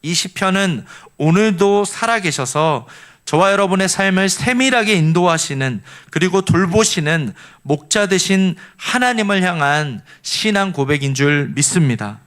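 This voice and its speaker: A man from Seoul preaching as a pastor, his voice sitting somewhat higher than most men's. He explains the text earnestly, step by step, and now and then asks the congregation to read or repeat lines with him. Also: animated, normal speed, a bit bright, clear, resonant tone. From Seoul, South Korea. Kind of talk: sermon.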